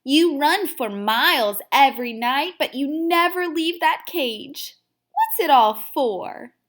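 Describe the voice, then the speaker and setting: A woman voicing an aloof, scheming female house cat in a children's storybook, taunting and insinuating with drawn-out phrases. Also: high-pitched, animated, fairly bright tone, exaggerated voice. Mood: scornful. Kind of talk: children's storybook read-aloud.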